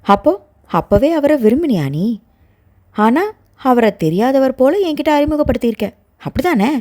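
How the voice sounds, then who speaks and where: A woman narrator voices a shocked, stern middle-aged father in an audio novel. He speaks curtly and tensely, in a mellow tone with lively pitch. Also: a little fast, husky, dry recording. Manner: curt, tense.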